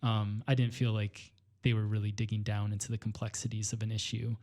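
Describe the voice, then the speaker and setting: A man from northwestern Illinois, a poet and teacher, speaking reflectively as a podcast guest, pausing often with fillers and restarting his sentences. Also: lowish voice, flat delivery, warm tone. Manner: thoughtful, hesitant, many fillers and restarts. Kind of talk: reflective conversation.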